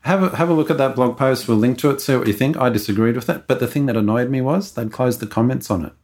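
A man's voice: medium pitch, quick pace. A middle-aged man co-hosting a casual podcast, talking in an opinionated, conversational way. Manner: opinionated, conversational, animated asides. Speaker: podcast co-host.

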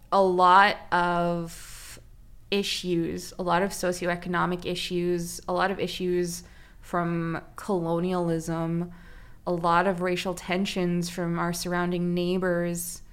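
Woman, interviewee, earnest and measured, smooth resonant tone, lowish pitch. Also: completely flat delivery. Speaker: interviewee, education project lead. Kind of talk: reflective interview answer.

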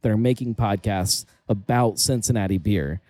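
A man's voice: fairly low pitch, normal speed, dark tone, dry recording. A man hosting a podcast in a casual, rambling, jokey chat. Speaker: podcast host. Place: table in the corner of a brewery tap room.

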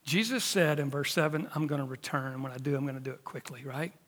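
Fifty-something preacher in a hall. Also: male voice, medium pitch, quick pace, a bit bright. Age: 50s. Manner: emphatic preaching, dropping to near-whispers for emphasis. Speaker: pastor. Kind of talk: sermon.

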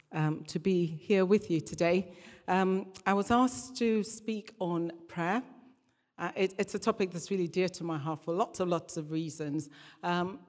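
A middle-aged woman with a lowish, slightly mellow voice speaks as a guest preacher and regional church minister, conversational and hesitant in her phrasing with a light touch. The live sermon and interview take place in a large church hall, where the echo carries a long reverb.

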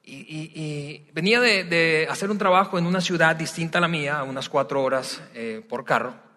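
Bright-voiced pastor in a reverberant church. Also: male voice, on the high side, moderate pace. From Venezuela. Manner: warm, conversational storytelling with frequent hesitations. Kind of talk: sermon. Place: large church hall. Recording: long hall reverb from a large church.

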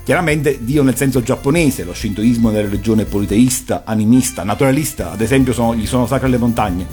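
A man's voice: mid-range voice, quick pace. A man giving an erudite, didactic commentary on animation. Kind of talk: explanatory talk, analysing cartoons. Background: soft music.

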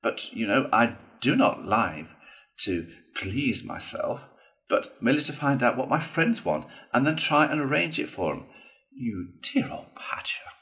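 A man voicing a boastful, excitable male toad gentleman in a storybook reading, gushing and theatrical. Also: a little slow, full character voice. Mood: obliging. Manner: gushing, theatrical, shrill in outbursts.

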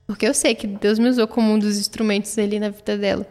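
A woman's voice: medium pitch, flat delivery, quick pace. A woman telling a personal faith testimony in an earnest, emotional way. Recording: long reverb, soft music behind.

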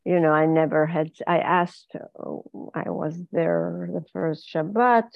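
Taking it slowly, an older woman from Izmir, Turkey, with Ladino as her first language, shares her life story as a remote interview guest and laughs often. She has a lowish, creaky voice with fairly even intonation. The audio is muffled, with no room sound.

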